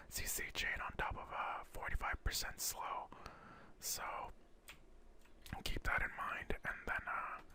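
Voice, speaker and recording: Man whispering soft ASMR gaming commentary. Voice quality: unvoiced breathy whisper. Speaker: gaming video host and guide.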